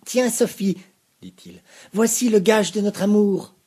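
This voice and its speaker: A man voicing a bumbling, lovestruck man in a comic story, with a hoarse, raised voice. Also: high voice, unhurried, warm tone, voice pushed up. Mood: flirty.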